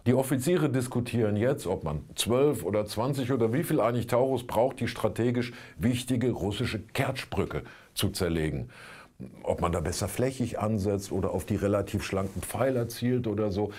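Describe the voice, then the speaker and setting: Speaking in a lowish, darkish voice with expressive delivery at a normal speed, this man in his 60s presents scripted satirical commentary from an indoor studio. As the show's commentator, he dissects the week's politics in a sardonic, colloquial manner.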